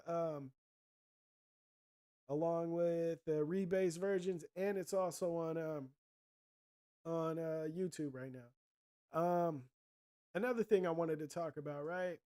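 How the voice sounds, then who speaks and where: A man's voice: fairly high pitch, darkish tone. Blunt, profane man giving advice. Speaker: livestream host. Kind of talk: casual livestream chat.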